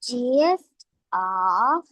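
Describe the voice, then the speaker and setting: Slow, careful woman learner. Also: fairly high pitch, lively intonation, fairly bright tone, dry recording. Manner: short, careful repetitions. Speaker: English learner. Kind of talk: repeating after a tutor.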